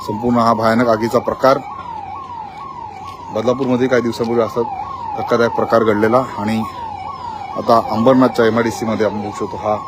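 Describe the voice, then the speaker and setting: Fast-talking male field reporter outdoors. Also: medium pitch, background noise. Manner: fast, repetitive on-the-spot reporting. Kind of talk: live news report from the scene. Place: outdoors at a factory fire.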